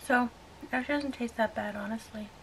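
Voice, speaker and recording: A woman's voice: a little high, fairly quick, slight background noise, rough recording. A woman vlogger giving a casual food review while talking with her mouth full.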